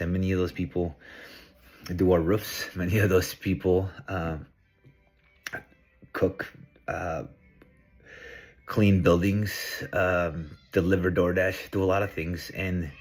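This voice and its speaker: Man from Peru, very low voice, middle-aged, earnest vlogger thinking aloud to camera. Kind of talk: casual monologue to camera.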